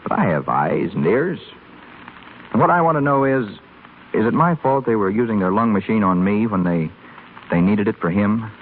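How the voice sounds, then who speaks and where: In a 1930s radio drama, a male actor plays a brash, flippant, restless young rich man who is a hospital patient, wisecracking in a wry, sardonic, challenging way. His voice is fairly low and close to everyday speech, with lively intonation at normal speed. The broadcast recording sounds scratchy and tinny.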